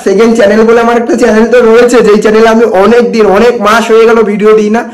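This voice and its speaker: A young man talks to camera for his prank vlog. His voice sits very high and he rattles along quickly. He pleads and teases, repeating himself again and again. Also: level tone. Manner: pleading, repetitive, teasing. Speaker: vlogger.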